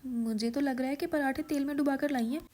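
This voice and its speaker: A woman's voice: high voice, fairly even intonation, a little fast, mellow, natural voice. A woman voicing a tattling young sister-in-law who complains to her mother.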